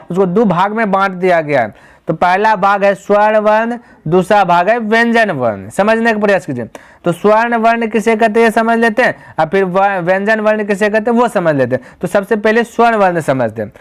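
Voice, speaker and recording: High, smooth-voiced grammar teacher. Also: male voice. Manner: addresses the students as "my brother". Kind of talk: Hindi grammar lesson for class 10 students.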